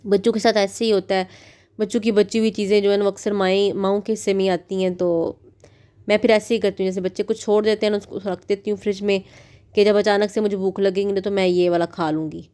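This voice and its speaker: A woman's voice: medium pitch, little pitch movement, fast, warm tone, clear, resonant tone. A woman in her thirties from Pakistan, a mother narrating her home routine in a chatty vlog voice-over with many fillers. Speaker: vlogger, mother.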